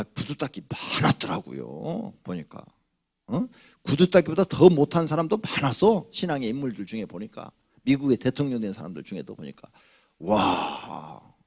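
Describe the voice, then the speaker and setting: Gravelly older Korean pastor preaching. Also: male voice. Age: 60s. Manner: swings from loud shouting to low muttering asides; conversational, rhetorical questions to the congregation. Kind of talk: Friday night sermon. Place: church sanctuary.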